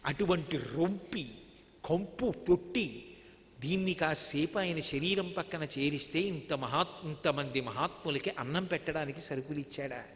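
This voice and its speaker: A man quoting a calm saintly husband. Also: a little high, moderate pace, close to an everyday voice. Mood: calm, instructive. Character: saintly poet husband gently lecturing his wife. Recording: reverberant hall, dull lo-fi sound.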